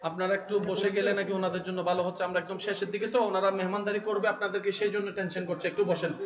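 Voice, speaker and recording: A man preaching a fiery sermon at a large religious gathering, quizzing the crowd and building from calm talk to shouted peaks. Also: high voice, fast talker. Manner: quizzes the crowd and demands loud replies. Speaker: Islamic preacher. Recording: echoey loudspeaker sound with a crowd.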